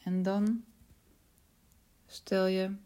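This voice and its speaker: Woman, guided meditation, soft half-whisper, mellow tone, very slow. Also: mid-range voice, little pitch movement.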